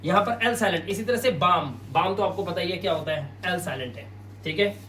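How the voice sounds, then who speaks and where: A man's voice: high voice, brisk, fairly bright tone, far from the mic. A man teaching an English lesson in Hindi at a board, patiently repeating each word and quizzing his listeners. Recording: roomy sound, mic set back, faint hum.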